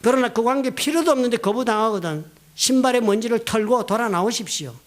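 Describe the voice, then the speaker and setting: A middle-aged man from South Korea, a pastor preaching a sermon in a church, telling personal stories with lively emphasis. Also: fast. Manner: storytelling, animated, rising emphatic pitch, quoting others. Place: church sanctuary.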